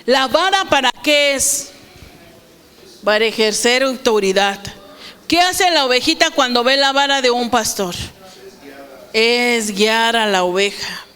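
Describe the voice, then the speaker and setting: A woman's voice: on the high side, lively intonation, unhurried, long pauses, fairly bright tone, clear, resonant tone. Woman pastor preaching in a hall. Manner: preaching with questions to the congregation and acted quotes. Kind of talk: sermon.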